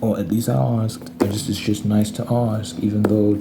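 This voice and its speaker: A man's voice: on the low side, flat delivery, normal speed, creaky. A young man rambling casually in an ASMR video, talking in an informal, slangy, complaining way. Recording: noisy recording with clicking sounds.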